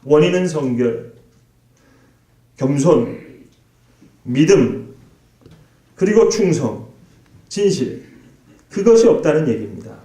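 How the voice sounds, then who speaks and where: Male pastor, emphatic sermon delivery, fairly high but mellow voice, roomy church sound. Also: expressive, slow, long pauses. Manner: emphatic preaching, quoting prayers in a pleading voice. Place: church sanctuary. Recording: echoey church hall.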